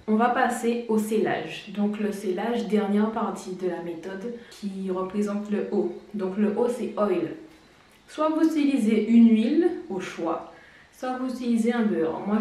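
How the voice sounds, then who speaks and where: A woman's voice: mid-range voice, warm tone. Chatty woman in a very echoey room. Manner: chatty, explanatory, laughs at herself. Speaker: beauty vlogger. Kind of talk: casual hair-care tutorial. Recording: very echoey room, distant mic.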